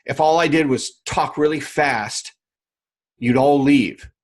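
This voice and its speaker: This business coach teaches other coaches live online from a screen share, speaking slowly in a slightly high voice. He repeats points emphatically and checks in with viewers often.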